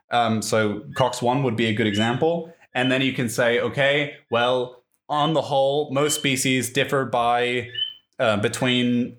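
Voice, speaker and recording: A man's voice: mid-range voice, a bit bright. Male scientist, casual explainer who revises his sentences as he goes, echoey room sound. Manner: thoughtful, corrects himself mid-sentence. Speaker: scientist answering listener questions. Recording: roomy echo.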